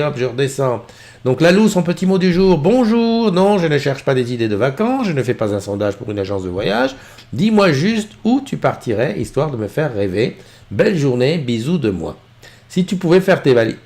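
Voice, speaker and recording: A man's voice: medium pitch, very animated, a little fast, darkish tone. A middle-aged man hosting a casual morning live stream, chatting easygoingly and greeting viewers by name. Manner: chatty and easygoing, greets viewers and reads their messages aloud. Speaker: livestream host.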